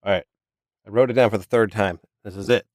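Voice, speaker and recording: A man narrating as game master in a halting, easygoing manner. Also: lowish voice, steady tone, a little mellow, dry recording, clean studio sound. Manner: halting, restarts, laughs along.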